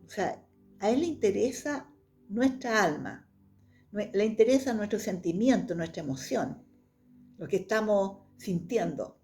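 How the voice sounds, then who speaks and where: A woman Bible teacher leads a devotional lesson in a dark-toned, medium-pitched voice. She speaks earnestly, reading scripture passages aloud between her own reflections.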